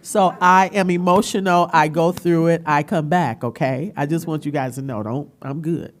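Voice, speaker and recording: A middle-aged woman speaking at a community panel, telling a personal story with animated emotion and frequent laughter. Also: deep voice, moderate pace. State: tearful at times. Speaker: panel speaker and business owner.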